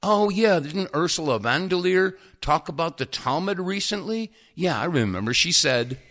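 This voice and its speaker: A male talk radio host giving commentary, interjecting and pausing clips as he goes. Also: on the high side, expressive, fairly bright tone.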